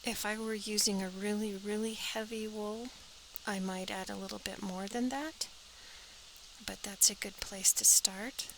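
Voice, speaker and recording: A woman's voice: medium pitch, steady tone, measured pace, noisy background. A woman teaching a step-by-step sewing pattern drafting tutorial, practical and talking as she works, often dropping to an airy half-whisper.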